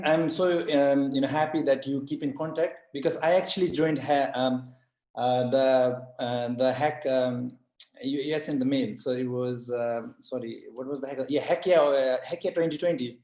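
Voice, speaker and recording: A man from Nepal, an IoT solution architect, gives a casual, effusive and earnest testimonial as a former student of the course. His mid-range voice is a little mellow at a moderate pace, and the room has a noticeable echo.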